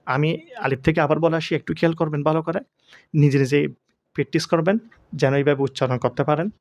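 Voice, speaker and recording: A man with a Bangladeshi Bengali accent teaching Arabic letter pronunciation in an online lesson, slowly repeating and drilling each sound. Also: on the high side, fairly even intonation, dry recording. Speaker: Quran teacher.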